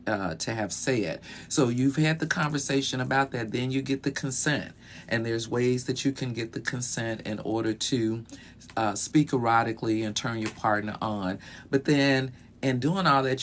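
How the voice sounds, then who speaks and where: Man with a soft sexologist delivery. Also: mid-range voice, a little hiss or hum. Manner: relaxed, repeats phrases, many fillers. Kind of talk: educational talk. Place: bedroom closet.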